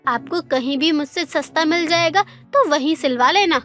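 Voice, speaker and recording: A woman voicing a patient, polite young tailor in a cartoon story, speaking gently and respectfully. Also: high-pitched, normal speed, faint music behind.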